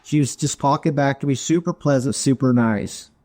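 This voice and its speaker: A man's voice: mid-range voice, moderate pace, a little mellow. A middle-aged man, a guest in an interview, answering casually with chatty stories and jokes at his own expense. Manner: chatty, storytelling, jokes at himself. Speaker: guest, information security executive.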